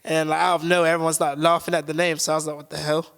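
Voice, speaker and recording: A man's voice: a little high, flat delivery, rapid-fire, vocal fry, fairly bright tone, smooth. A man telling a loose story as a guest, giggling and quoting his friends. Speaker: crew member guest. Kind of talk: casual storytelling. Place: small DIY studio.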